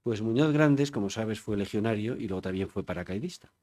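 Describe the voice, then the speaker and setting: A man's voice: fairly low pitch, expressive, a little fast, mellow. An older man from Spain giving an informal public talk, chatty and digressive, often turning to the audience with questions. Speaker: conference speaker.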